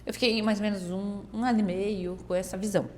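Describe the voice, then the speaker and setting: A woman telling a personal faith story in casual conversation, animated and often acting out what others said. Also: medium pitch, quick pace, crowd noise. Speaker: guest. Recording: faint background noise.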